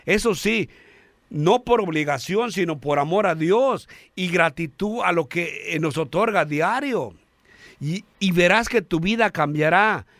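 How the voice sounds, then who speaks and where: A man giving an earnest radio sermon, calling listeners brothers, halting now and then with fillers and restarts. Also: high voice, lively intonation, fairly bright tone, dry recording. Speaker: radio preacher.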